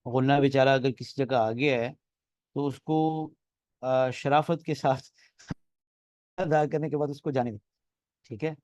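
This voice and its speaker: A man's voice: medium pitch, fairly even intonation, pauses often, a little mellow, no echo, lo-fi sound. A man teaching the rules of Quran recitation in a classroom lecture, explaining step by step and chanting examples aloud to show correct and wrong pronunciation. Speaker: tajweed teacher.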